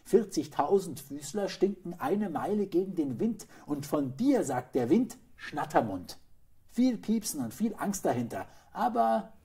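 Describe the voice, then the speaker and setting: Man voicing a hurt little hedgehog, squeaky, high-pitched and indignant, storybook reading. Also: a little slow, husky, heavily acted. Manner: excited, indignant inner voice. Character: small injured young hedgehog, frightened but defiant.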